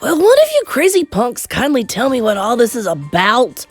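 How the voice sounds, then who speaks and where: A woman voicing a greedy, brash young boy who makes loud, whiny demands. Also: fairly high pitch, big pitch swings, a little slow, vocal fry, husky, no echo, faint music behind, full character voice. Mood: demanding.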